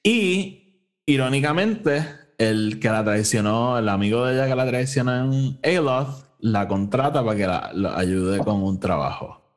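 Reviewing an audio drama on his casual podcast, this host tells a story in a conversational way, mixing English phrases into his Spanish. He has a Puerto Rican accent and an expressive, mid-range voice that moves a little slowly.

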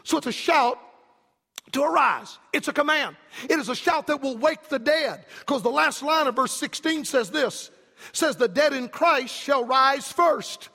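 A man preaching a fiery revival sermon in an emphatic, rhythmic cadence that climbs to shouts. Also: very high-pitched, measured pace, vocal fry, big-room sound.

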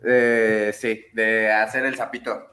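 A man with a Mexican accent, a guest telling candid stories in a relaxed, casual way. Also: fairly low pitch, takes it slowly, faint music behind. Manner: relaxed, candid, many fillers. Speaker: podcast guest. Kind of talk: casual storytelling.

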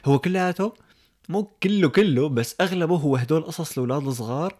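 A man's voice: a little high, fast, a little mellow. A young man with a Syrian Arabic accent chatting casually as a podcast co-host, mixing French and English words into his Arabic. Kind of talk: casual chat.

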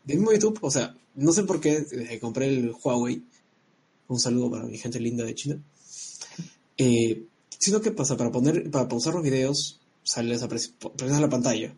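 A man's voice: medium pitch, expressive, normal speed, dark tone, husky. A man co-hosting a casual chat, joking around and sending playful greetings to his listeners.

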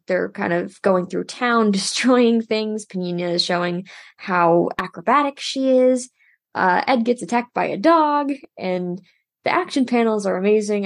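A woman's voice: mid-range voice, gravelly, no room sound, clean studio sound. A woman co-hosting a podcast, casually recapping an episode in a chatty way. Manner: chatty, laughs while explaining. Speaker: podcast co-host.

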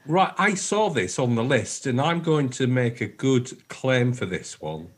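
A man's voice: medium pitch, lively intonation, a little slow. A man co-hosting a radio show, chatting casually and enthusiastically. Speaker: radio co-host.

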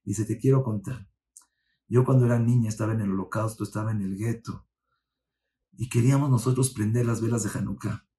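A rabbi telling a story in a sermon, acting out the voices of its figures and mixing in Hebrew religious terms. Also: male voice, lowish voice, fairly even intonation, fairly quick, mellow, a little hiss or hum.

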